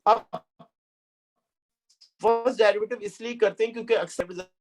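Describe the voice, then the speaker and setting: A man, teaching a math lesson step by step, mixing in English terms and checking "clear?" with his students. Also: high voice, steady tone, normal speed. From Pakistan. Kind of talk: classroom lecture.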